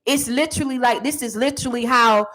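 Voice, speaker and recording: A woman with a fairly high voice delivers a motivational monologue, preachy and full of sass. She speaks directly to the people she feels are against her, never backing down. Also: fast, a bit bright, low-quality recording. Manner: sassy, preachy, addresses critics directly.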